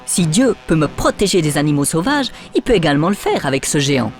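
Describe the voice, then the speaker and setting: A woman's voice: low voice, sing-song, fast talker, darkish tone. Plucky cartoon boy hero, sure of himself. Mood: confident. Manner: confident, cheeky. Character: brave young shepherd boy, cheeky. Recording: cartoon with music behind.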